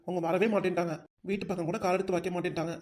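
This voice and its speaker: Cartoon husband voiced by a man, level-headed, Tirunelveli Tamil accent, mid-pitched, rapid. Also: flat delivery, darkish tone, lightly acted. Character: calm husband and father, takes children's side.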